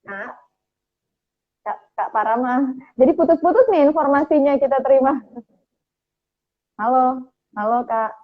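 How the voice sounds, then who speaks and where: A woman's voice: high-pitched, measured pace, pauses often. A woman hosting an online live chat, heard over patchy call audio with a bad connection, calling out repeatedly to her guest. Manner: friendly, calls out repeatedly to a guest. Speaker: host. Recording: dull lo-fi online call sound.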